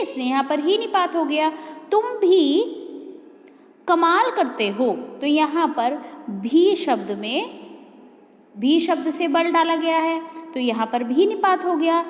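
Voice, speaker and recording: A woman's voice: high voice, very animated, unhurried. A woman teacher giving a grammar lesson, explaining step by step and checking in with the class. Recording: echoey room with long reverb.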